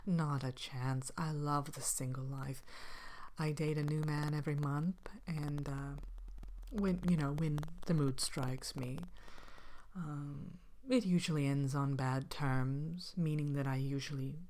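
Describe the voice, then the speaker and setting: A woman voicing a haughty, vain evil fairy-tale queen in an ASMR role-play, soft-spoken and partly whispered, pompous and languidly disdainful. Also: sits low, steady tone. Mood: breezy, smug. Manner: pompous, languid, theatrical disdain with drawn-out words. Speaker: host of a character Q&A show. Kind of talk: ASMR character role-play, answering questions.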